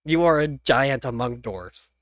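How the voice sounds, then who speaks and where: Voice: medium pitch, lively intonation, unhurried, no echo. A game master narrating a tabletop role-playing game in a casual chat, laughing often between lines. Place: home streaming setup.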